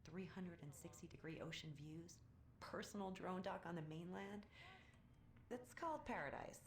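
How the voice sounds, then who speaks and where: A woman's voice: fairly low pitch, normal speed, close to an everyday voice. An actress playing an affectionate, hopeful woman crew member on a space station in natural video game dialogue. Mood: teasing, hopeful. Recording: echoey room with faint ambient noise.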